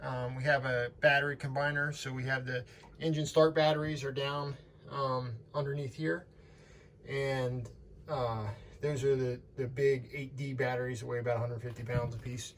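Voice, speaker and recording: A man who owns a boat gives a casual, easygoing walkthrough for his vlog, with some hesitancy in his explanations. He speaks in a mid-range voice at a moderate pace and a level tone, over noisy camera audio with clear background noise.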